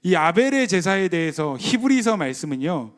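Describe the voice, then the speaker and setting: A man's voice: high-pitched, sing-song, moderate pace. A male pastor delivering a Sunday sermon to his congregation, emphatic and full of rhetorical questions. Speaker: pastor of a church plant.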